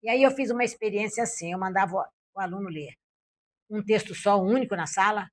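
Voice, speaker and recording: Fast-talking older Brazilian woman, ex-teacher. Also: mid-range voice. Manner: lively storytelling, acting out her own and pupils' lines. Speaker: former school principal and Portuguese teacher. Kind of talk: interview, recalling classroom experiences.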